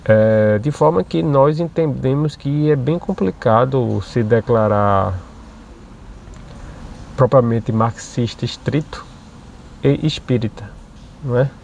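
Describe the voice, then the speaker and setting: Gravelly man explaining calmly. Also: mid-range voice, slight background noise. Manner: measured, with frequent tag questions. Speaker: channel host. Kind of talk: explanatory monologue.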